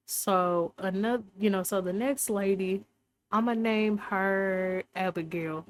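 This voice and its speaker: A young woman hosting a casual faith talk, rambling and heartfelt, with many fillers. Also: medium pitch. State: briefly emotional. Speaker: podcast host.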